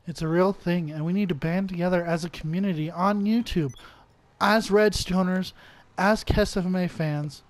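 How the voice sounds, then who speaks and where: A man's voice: high-pitched, steady tone, normal speed, dry recording. A man co-hosting a casual podcast, talking in an earnest, preachy, ranting way. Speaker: podcast co-host.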